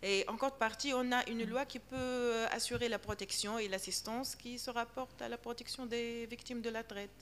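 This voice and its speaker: A woman's voice: a little high, fairly even intonation, moderate pace, few pauses, a bit bright. Woman answering, faint background noise. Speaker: workshop participant. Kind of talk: spontaneous spoken answer in a workshop. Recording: faint noise, room ambience.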